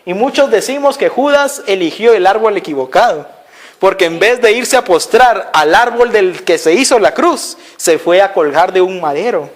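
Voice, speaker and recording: A man's voice: sits high, lively intonation, moderate pace. A man preaching a sermon, telling a story and asking his listeners rhetorical questions again and again. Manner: acts out voices of people in the story.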